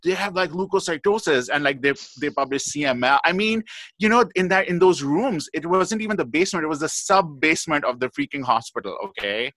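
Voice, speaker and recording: A man's voice: on the high side, animated, brisk, sharp tone, no echo. A man, a guest pathologist, telling a long story in a podcast interview, chatty and full of "like" and "you know".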